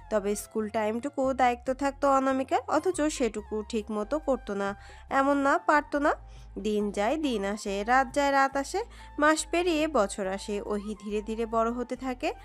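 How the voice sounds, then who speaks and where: High-voiced woman narrating a romance. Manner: expressive, dramatic reading. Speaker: storyteller. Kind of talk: scripted romantic story narration. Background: soft background music.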